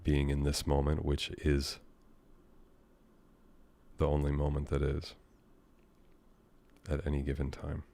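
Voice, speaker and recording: Speaking in a very deep, dark and relaxed voice with vocal fry, an American man leads an unscripted, soothing guided meditation. His delivery is nearly flat in pitch, and he takes his time, leaving long gaps as he improvises.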